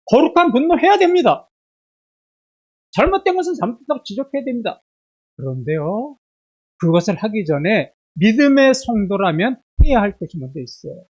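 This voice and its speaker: A man preaching a Sunday sermon in a church while suffering from a bad cold with fever. He asks his listeners one rhetorical question after another, rising loud and dropping to a hush. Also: sits high, big pitch swings, a little fast, husky, highs cut off. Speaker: pastor. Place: church sanctuary.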